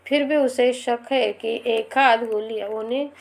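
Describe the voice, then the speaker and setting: A woman teacher goes through a textbook story with her pupils. She speaks slowly in a slightly high voice, reading each line and then repeating it in simpler words. Her manner is patient and direct. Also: steady tone, gravelly. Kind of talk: explaining a textbook chapter to students.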